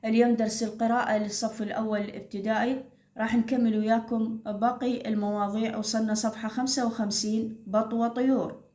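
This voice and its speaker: A woman teaching a first-grade reading lesson, reading words aloud slowly and spelling them out for children. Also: a little high, flat delivery, warm tone. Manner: slow, syllable-by-syllable reading aloud. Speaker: primary school teacher. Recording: echoey room.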